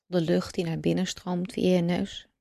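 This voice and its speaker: Meditation guide, female: low, slightly creaky voice, calm unhurried instruction, long pauses, close dry sound. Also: no echo. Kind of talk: guided breathing meditation narration.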